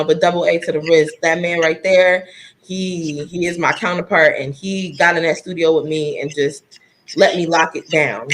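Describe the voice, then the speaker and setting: A New Jersey singer with a soft, low-pitched voice chats casually on a live video stream, laughing a lot and speaking directly to her viewers. There's a slight hiss or hum in the audio.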